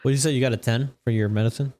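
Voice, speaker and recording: A man working as game master, improvising narration for a tabletop game in a loose, halting, conversational way. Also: mid-range voice, fairly even intonation, darkish tone.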